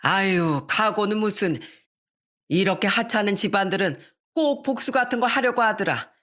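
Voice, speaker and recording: A woman's voice: medium pitch, lively intonation, moderate pace, fairly bright tone, natural voice. Woman reader as cruel older mother-in-law, contemptuous, mocking tone. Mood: scornful.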